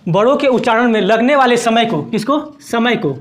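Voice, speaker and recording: A man's voice: very high voice, animated, normal speed. A man teaching a grammar lesson at a board, asking questions and answering them himself and repeating each definition.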